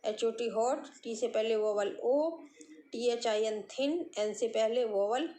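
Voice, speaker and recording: A woman's voice: a little high, mellow. A woman teacher giving a grammar lesson to young pupils, spelling words out letter by letter and saying the terms. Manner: slow, spells words letter by letter, repeats "ठीक है". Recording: echoey room with faint background noise.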